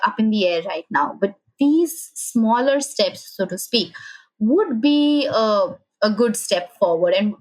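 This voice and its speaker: An Indian-accented woman from Calcutta appears as an analytical podcast guest, explaining things and frequently checking in with "right?". Her voice is medium-pitched, and the recording is low quality.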